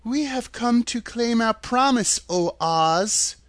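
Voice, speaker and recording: Man doing a high-pitched, earnest young girl. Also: lively intonation, slow pace, dry recording, exaggerated voice.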